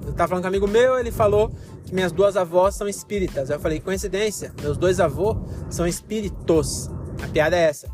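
A man's voice: high voice, fast, over music. A man who does stand-up, chatting casually after a show in a rambling, self-mocking, jokey way. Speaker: stand-up comedian. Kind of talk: casual post-show chat.

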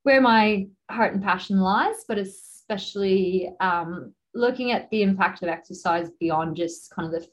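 An American woman in her thirties talks easily as a podcast guest. She fills her speech with "um" and light laughter, at an ordinary middle pitch for a woman. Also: measured pace, few pauses, low-quality recording. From United States. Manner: chatty, laughs often, many fillers. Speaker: guest, exercise physiologist. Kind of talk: casual interview chat.

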